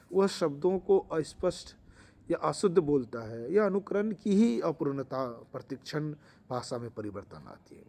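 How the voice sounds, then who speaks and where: A man's voice: a little high, a little mellow. A man teaching a language lecture for exam preparation, explaining with fillers and restarts.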